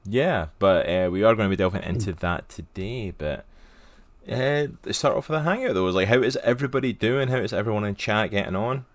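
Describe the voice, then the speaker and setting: A man's voice: fairly low pitch, a little fast, no room sound. A man co-hosting a casual comic podcast, upbeat and greeting chat viewers by name. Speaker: podcast co-host.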